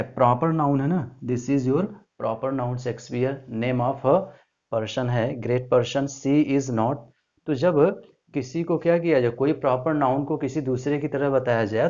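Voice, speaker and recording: A man teaching English grammar for an entrance exam, reading example sentences slowly, asking the class rhetorical questions and checking in often. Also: mid-range voice, dark tone. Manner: asks rhetorical questions of the students; repeats "ठीक है" as a check-in. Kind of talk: exam-prep grammar lesson. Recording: dull lo-fi sound.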